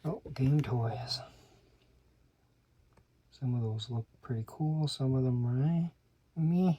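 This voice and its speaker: A man's voice: medium pitch, slow, muffled recording, a little hiss or hum. A man flipping through an old magazine, reading ad slogans aloud and adding dry, muttered asides, sometimes dropping to a whisper. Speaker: channel host. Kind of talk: casual commentary while paging through a magazine.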